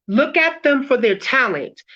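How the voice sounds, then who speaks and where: A woman's voice: sits high, animated, unhurried, lo-fi sound. A woman music artist being interviewed over a video call, talking bluntly and emphatically, swearing freely and restarting her words. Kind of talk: candid, emphatic interview talk.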